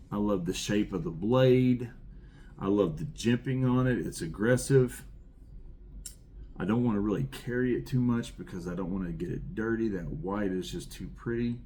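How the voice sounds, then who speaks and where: A middle-aged man with a rural Southern American accent shows off his knife collection in a casual show-and-tell. His low, mellow voice carries a little hiss or hum, and he rambles enthusiastically, often repeating words.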